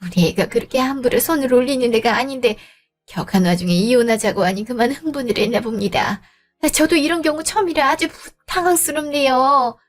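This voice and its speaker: A woman's voice: sits high, brisk, faint music behind. A woman voicing a widowed mother-in-law who speaks formally and apologizes. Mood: flustered.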